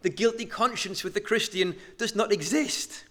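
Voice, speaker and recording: A man preaching a sermon, moving between hushed, slow emphasis and loud, rising exhortation. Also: sits high.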